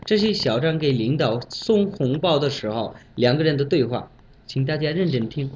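A man from Bangladesh, a foreigner speaking Mandarin as a second language, giving a prepared talk with animated storytelling. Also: fairly high pitch, normal speed, a little hiss or hum. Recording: dull, lo-fi sound.

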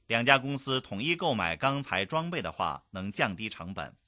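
A voice reading lesson phrases aloud slowly for learners to repeat. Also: medium pitch, very animated, sharp tone, no room sound, studio quality. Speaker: model reader of phrases. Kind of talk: slow drill repetition.

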